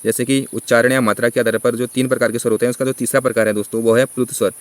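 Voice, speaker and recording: A man teaching an exam-prep grammar lesson, who keeps checking in with his listeners and stretches vowels out slowly to show them. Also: mid-range voice, flat delivery, dry recording. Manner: repeats "theek hai" and "doston" constantly.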